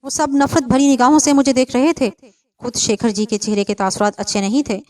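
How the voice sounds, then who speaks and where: Woman reading a horror novel aloud. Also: fairly high pitch. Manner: steady storytelling, reads all characters. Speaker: story narrator.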